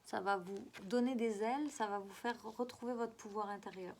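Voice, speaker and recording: A woman with a regional French accent talks listeners through a spiritual guidance reading. Her voice sits at a middling pitch. She coaxes gently and repeats phrases, often pausing to find the next word. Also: fairly even intonation. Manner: coaxing and repetitive, often halting to search for words. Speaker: spiritual guide giving a card reading.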